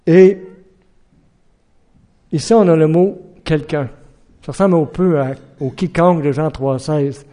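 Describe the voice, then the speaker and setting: A middle-aged man preaches a sermon in an earnest voice pitched a little high. He keeps putting questions to his listeners and breaks into acted-out shouted warnings. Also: a little slow, long pauses.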